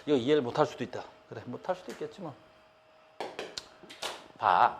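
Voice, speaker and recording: A man's voice: mid-range voice, animated, brisk, background noise. A man teaching an online physics lecture in casual speech, often telling students to look and asking whether they understand. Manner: repeats "봐" and "알겠니?" checks to students; casual speech, explaining with drawings.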